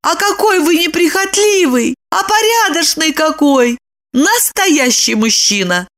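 A sharp-tongued, gloating woman with a shrill, squeaky voice that leaps up on every jab, as a woman narrator puts her on. Her pitch swings widely as she mocks and lectures. It is an audiobook character voice. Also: sing-song, measured pace, exaggerated voice. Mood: coaxing. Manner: shrill, mocking, with swooping exclamations.

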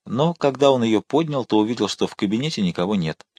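A male narrator reading a historical novel aloud with steady expression. His voice is on the low side. The recording is dry and close. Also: fast talker, no echo. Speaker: audiobook narrator. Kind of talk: scripted narration.

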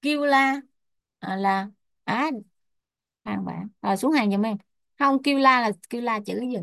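Một người phụ nữ đang giảng bài, đọc chậm từng thuật ngữ, đánh vần rồi giải nghĩa như cho học viên chép. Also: female voice, a little high, creaky, fairly bright tone, no echo, studio quality. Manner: spells out Pali terms and glosses them slowly. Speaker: Buddhist Abhidhamma teacher. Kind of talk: slow dictation-style teaching.

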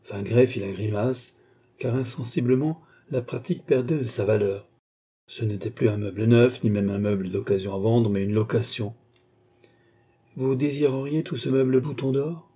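A man narrating a classic novel in steady literary reading. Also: fairly low pitch, moderate pace, husky. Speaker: audiobook reader.

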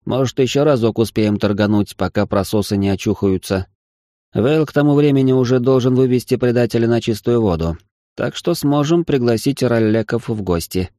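A man voicing a loud, excitable male partner who scolds and bosses in an audiobook reading. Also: medium pitch, normal speed, no room sound, clean studio sound, voice pushed up, natural voice. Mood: bossy. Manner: shouting, exasperated scolding.

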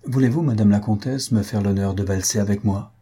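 A gallant, devoted young count, played by the male reader of an audiobook. His voice is low and dark with a husky edge. He is courteous and eager in manner. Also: brisk.

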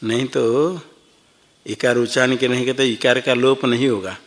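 A man's voice: medium pitch, steady tone, moderate pace. A man teaching a classroom Sanskrit grammar lesson, explaining each form step by step and quizzing his students as he goes. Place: ashram classroom.

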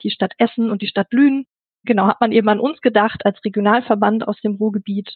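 A woman's voice: mid-range voice, no echo. A woman from the Ruhr area, a podcast guest describing her work in a casual, chatty way that leans on fillers. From Ruhr area, Germany. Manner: chatty, fills with "genau". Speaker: podcast guest, network manager. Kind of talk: casual interview talk. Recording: tinny phone-like line.

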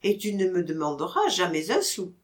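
A woman reading a storybook audiobook, voicing a witty gentleman master who teases his servant in mock-stern banter. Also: fairly low pitch, big pitch swings, moderate pace. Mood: teasing.

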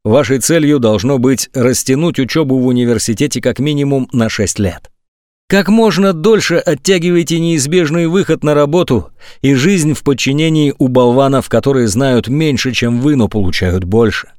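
A man's voice: moderate pace, dry recording, clean studio sound. A man narrating a nonfiction audiobook in a scripted, emphatic reading style. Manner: lively, emphatic reading with wide swings of pitch.

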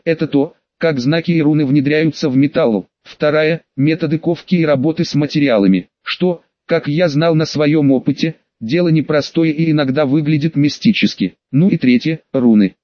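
A man reading a fantasy audiobook aloud in the first person, with a slightly high voice and a measured, wry, chatty delivery. The sound is dull and fully dry, with no room at all. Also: no echo. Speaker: audiobook narrator.

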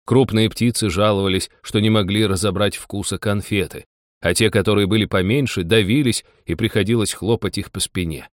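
A man reading a children's storybook aloud in an expressive, animated way. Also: lowish voice, brisk, no echo, studio quality. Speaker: audiobook reader. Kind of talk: storybook narration.

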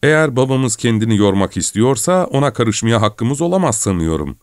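A man's voice: big pitch swings, a little fast, darkish tone, dry recording, studio quality, lightly acted. A man doing a bossy, ringing-voiced daughter. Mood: scolding. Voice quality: high, hard, ringing voice. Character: bossy grown daughter, loud and sharp.

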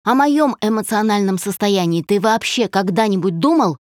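A woman voicing an irritated, hungover young woman with sharp, exasperated replies, in a dry recording. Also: mid-range voice, lively intonation, normal speed, dry recording, lightly acted. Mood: curt.

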